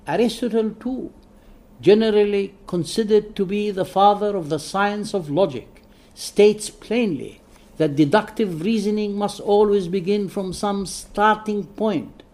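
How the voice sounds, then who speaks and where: Reading from a prepared scholarly lecture, a high-voiced man whose first language isn't English keeps a measured delivery broken by gentle hesitations.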